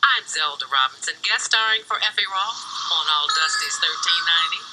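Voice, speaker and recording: An American woman guest-hosts a gospel music radio show, her fairly low, brisk, sharp voice carrying upbeat, cheerful DJ patter as she greets listeners and reads dedications. She speaks into a broadcast studio microphone in a radio studio, and this radio aircheck has music underneath and poor audio.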